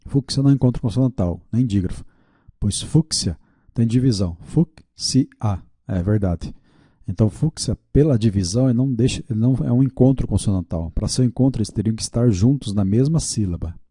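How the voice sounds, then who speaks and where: A man's voice: on the low side, fast talker, mellow, husky, no echo, clean studio sound. A man teaching a video lesson with a Brazilian Portuguese accent, working through quiz questions aloud, checking his answers and admitting his mistakes.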